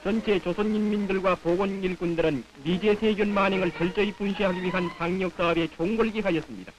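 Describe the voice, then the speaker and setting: High-pitched North Korean male newsreel announcer. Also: fairly even intonation, fast, rough recording. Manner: solemn, declamatory. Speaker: newsreel narrator. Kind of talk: scripted 1950s propaganda newsreel narration. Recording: old 1950s film soundtrack.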